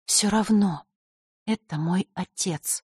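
A man's voice: sits high, fairly quick, no room sound, studio quality, close to an everyday voice. A man doing a stubborn teenage girl. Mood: quiet. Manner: indignant, defensive. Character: young teenage girl, stubborn and quick-tempered.

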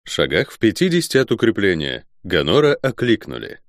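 A man reading a fantasy audiobook aloud, his voice lower than most. He shapes the story with lively rises and falls. The sound is dry and close to the mic. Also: fairly quick, dry recording. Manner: expressive storytelling. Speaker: audiobook narrator. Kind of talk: scripted fantasy narration.

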